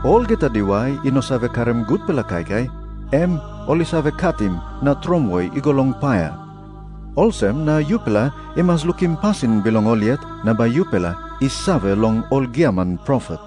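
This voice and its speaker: A man with a Papua New Guinean accent reading scripture aloud in a measured storytelling manner. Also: mid-range voice, big pitch swings, a little mellow, soft background music. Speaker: Bible reader.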